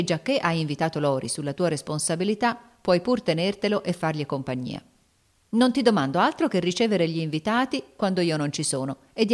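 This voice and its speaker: A woman voicing a spirited, impulsive teenage girl in an audiobook, eager and brisk. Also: fairly low pitch, natural voice. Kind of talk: audiobook character reading.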